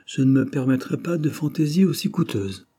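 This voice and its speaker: A man reading the lines of a dignified captive gentleman in a measured, courteous way. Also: mid-range voice, lively intonation, breathy edge, pitched above the performer's own voice. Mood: dry.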